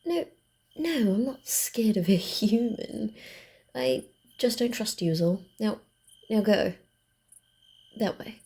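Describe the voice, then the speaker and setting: Voicing a vampire in a soft ASMR piece, a woman speaks at medium pitch in a slow, sing-song way with many pauses. The character comes across as guarded and bossy, wary and dryly teasing, grumbling and hesitant, often slipping into a whisper.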